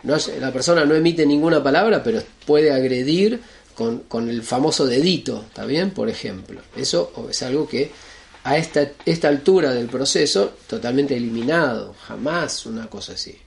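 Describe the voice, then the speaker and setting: A man's voice: mid-range voice, expressive, moderate pace, creaky. A man giving an earnest spiritual lesson, listing points one by one and often checking in with his listeners. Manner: earnest and repetitive, listing points, often asks ¿está bien?. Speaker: spiritual teacher. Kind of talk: explanatory spiritual talk.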